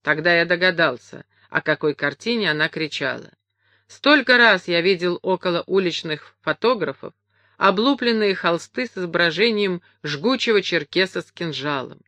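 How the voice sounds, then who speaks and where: A woman reading a memoir aloud as an audiobook narrator, measured and expressive. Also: fairly low pitch, dry recording. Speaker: audiobook reader.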